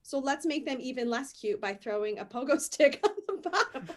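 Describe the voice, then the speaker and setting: Animated and fairly quick, with a high-pitched voice, a woman co-hosting a casual podcast reads out a news story. She rants playfully and laughs often throughout.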